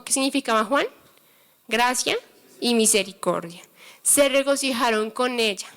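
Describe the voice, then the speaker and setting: A woman delivers a sermon in a high, bright-toned voice. She tells stories and acts out the voices in them. Then she turns to urging her listeners to hold on to faith. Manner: storytelling with acted-out dialogue, exhorting. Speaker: preacher.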